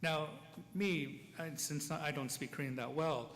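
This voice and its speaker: A priest giving a eulogy at a funeral mass, talking in a conversational way, checking in with the listeners and chuckling between stories. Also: male voice, a little high, steady tone, unhurried, a bit bright. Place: church. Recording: long church reverb, faint ambient noise.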